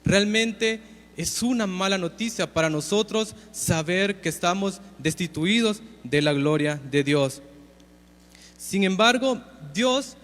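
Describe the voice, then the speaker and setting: A man preaching an earnest, measured sermon and teaching from scripture to his congregation. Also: sits high, expressive, a bit bright, in a large hall. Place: church hall.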